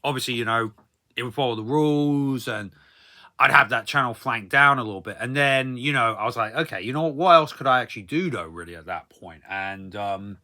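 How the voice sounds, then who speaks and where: Rambling through a relaxed story time like a vlogger, this man in his thirties talks fairly quickly, hesitant and repetitive, with filler tags often added at phrase ends. He speaks at a typical male pitch in a very bright, forceful voice.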